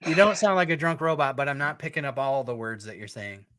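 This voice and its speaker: A man's voice: mid-range voice, animated, quick pace, a bit bright, no echo, clean studio sound. A man hosting a live call-in stream, talking casually with many fillers and restarts. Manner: chatty, frequent fillers and restarts. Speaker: podcast host.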